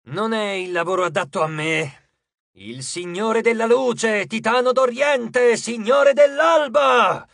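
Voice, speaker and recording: A man doing a loud, boastful Titan lord. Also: high voice, creaky, no room sound, studio quality, pitched above the performer's own voice, exaggerated voice. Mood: indignant. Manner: loud, boastful, shouting, drawn-out words. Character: boastful, hot-tempered male Titan lord of dawn.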